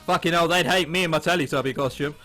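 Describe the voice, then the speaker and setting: A gaming YouTuber with a high, bright, forceful voice narrates a let's play of a visual novel, reading the dialogue aloud and commenting on it. He talks fast, with a widely swinging delivery that's sarcastic and full of swearing, while the game's background music plays behind him.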